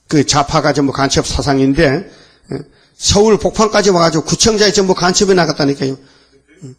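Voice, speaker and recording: A man's voice: a little high, creaky. A male pastor preaching a dawn worship sermon in a rambling, fiery way, firing off rhetorical questions.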